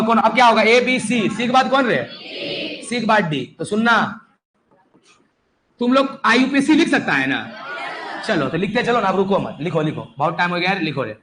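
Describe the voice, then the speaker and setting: A young man lectures a chemistry class in a high, sing-song voice that swings widely up and down. He keeps coaxing his students to listen closely and hurry along. A faint hiss of background noise sits behind him. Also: low-quality recording. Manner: animated, coaxing students, repeated calls to listen. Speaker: chemistry teacher.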